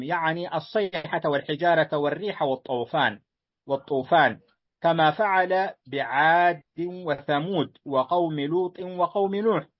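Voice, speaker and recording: Male student reader, fairly high voice, measured classical text reading for his teacher, deferential, lo-fi recording. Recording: dull lo-fi recording.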